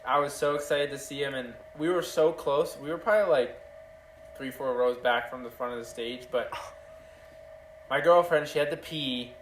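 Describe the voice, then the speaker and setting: A man's voice: mid-range voice, normal speed. A young man chats away on his podcast, rambling through a story with loose, swear-laced talk. The mic sits some distance away in an echoey room, with a faint hum of ambience behind him. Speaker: podcast host. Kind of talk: casual chat.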